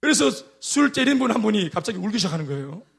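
A male pastor with a Gyeongsang accent preaching a sermon, telling animated stories and acting out the quotes. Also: high voice, quick pace, creaky. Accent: Gyeongsang dialect. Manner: animated storytelling with acted-out quotes.

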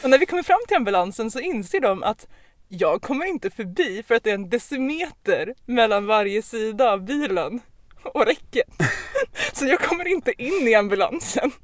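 A woman on a podcast telling a personal anecdote in a casual, lively way, with lots of fillers and restarts. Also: a little high, no echo, studio quality. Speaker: podcast host. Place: podcast recording.

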